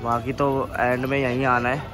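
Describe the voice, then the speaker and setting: A man's voice: mid-range voice, level tone, normal speed. A young man chatting casually and teasing a friend while vlogging on a phone outdoors. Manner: joking, teasing banter with a friend. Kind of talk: casual travel vlog chat. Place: outdoors on a riverside and hill trail. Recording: outdoor crowd and traffic behind.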